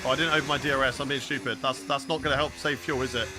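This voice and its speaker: Rapid-fire and medium-pitched with fairly even intonation, a young British streamer gives live commentary on a racing game and answers his chat. Clear racing car and engine sounds from the game run behind his casual reactions.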